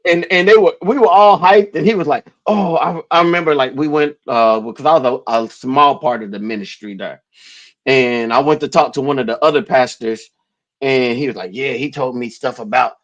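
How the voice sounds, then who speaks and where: A man co-hosting a podcast in casual chat, telling stories in an animated way and laughing often. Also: mid-range voice, normal speed, lo-fi sound. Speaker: podcast co-host.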